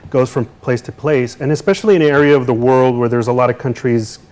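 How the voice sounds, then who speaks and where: A man's voice: medium pitch, fairly even intonation, quick pace, darkish tone. A man from the United States, a DJ, co-hosting a casual product demo and restating points as he goes. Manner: chatty, asks and restates points. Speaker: co-host, DJ.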